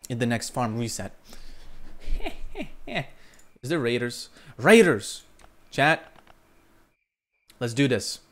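A young man from Lithuania, streaming live gameplay commentary into a headset and talking to his chat, breaking into loud exclamations. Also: mid-range voice, lively intonation, slow pace, long pauses. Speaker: gaming streamer.

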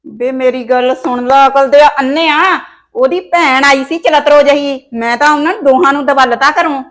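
A woman's voice: high voice, moderate pace, fairly bright tone. A woman playing a domineering, scheming mother-in-law in a village comedy short film, scolding her son.

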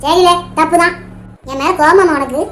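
A woman's voice: extremely high pitch, fairly quick, soft background music. A woman voicing an affectionate, teasing old grandmother in a cartoon, with a Tamil Nadu accent. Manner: teasing, then tearfully apologetic. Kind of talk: cartoon voice acting.

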